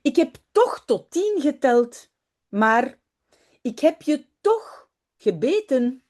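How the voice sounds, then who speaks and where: A woman voicing a hot-tempered little girl in a storybook reading, speaking earnestly in a raised, childlike pitch. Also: very animated, slow pace, a little mellow, full character voice.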